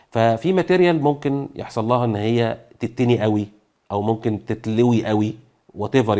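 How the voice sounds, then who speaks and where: A man's voice: on the low side, warm tone. A man with an Egyptian Arabic accent, explaining an engineering topic in a casual lesson, full of fillers and everyday comparisons. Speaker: engineering educator.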